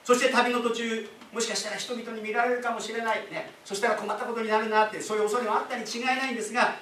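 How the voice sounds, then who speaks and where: A man's voice: very high voice, flat delivery, fast talker, sharp tone, distant mic, slight background noise. A man preaching a sermon as pastor, explaining in a conversational way with asides and rhetorical questions. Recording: echoey room, speaker away from the mic.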